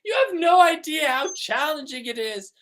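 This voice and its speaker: A man voicing a fretful mother in a crying falsetto, in improvised comedy. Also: expressive, moderate pace, a bit bright. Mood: distraught. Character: high-pitched fretful mother.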